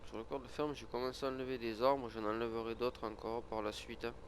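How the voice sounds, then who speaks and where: A gaming video creator fighting a cold sniffles while giving casual commentary on his farming game. His mid-range voice barely moves in pitch and comes out fast, rambling with fillers and restarts over background noise.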